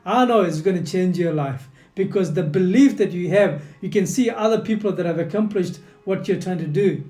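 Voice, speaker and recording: Here a leadership coach, not a native English speaker, teaches with motivational earnestness, talking directly to the listener and repeating points often. His high-pitched voice moves at a moderate pace against echoey room sound and quiet guitar music.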